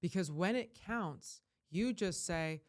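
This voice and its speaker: A woman life coach giving an emphatic, rambling vlog monologue that surges to loud, heated peaks. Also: lowish voice, animated, slow. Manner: rambling with frequent restarts.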